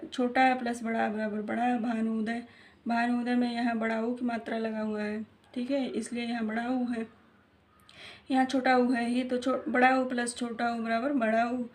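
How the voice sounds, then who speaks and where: A woman teaches a grammar lesson at an unhurried, deliberate pace. Her voice sits a little high and stays flat in tone. She keeps repeating each point, asks short questions and answers them herself. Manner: slow and repetitive, quizzing with questions and answering them; clears throat now and then. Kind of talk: classroom lesson.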